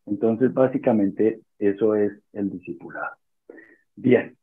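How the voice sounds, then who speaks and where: A man teaching a church discipleship class over an online video meeting, in a measured way, restating phrases and pausing to find his words. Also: lowish voice, breathy edge. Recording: tinny phone-like online call audio.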